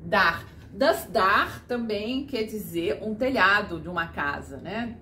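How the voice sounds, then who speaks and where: A woman teaching German pronunciation as a patient teacher, demonstrating each sound slowly. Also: mid-range voice, lively intonation, sharp tone. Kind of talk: pronunciation lesson. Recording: echoey room with faint noise.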